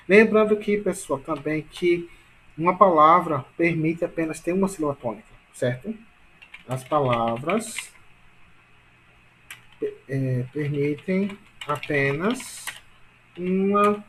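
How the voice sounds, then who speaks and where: A man's voice: a little high, fairly bright tone, a little hiss or hum. A man teaching a grammar lesson online from his computer, explaining patiently, repeating himself, and checking in with tag questions. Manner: repetitive, filler-heavy explaining with frequent tag questions; stretches key words slowly for emphasis.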